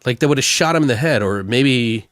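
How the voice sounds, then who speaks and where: A man's voice: mid-range voice, animated, fairly quick, fairly bright tone, no echo, studio quality. A man co-hosting a podcast, chatting loosely about a film and swearing freely. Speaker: podcast co-host. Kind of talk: casual film review chat.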